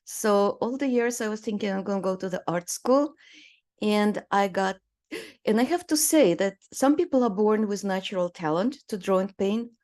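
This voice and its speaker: Animated and storytelling, a guest artist in her sixties from Romania chats in an interview with small fillers and short laughs. Her voice is darkish and pitched in a woman's middle range, moving at a moderate pace.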